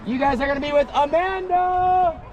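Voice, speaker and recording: Male rafting guide, extremely high pitch, playful casual announcements, clear crowd and background noise outdoors. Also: normal speed, highs cut off. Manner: playful, teasing. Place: outdoors among a group. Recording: noisy outdoor gathering.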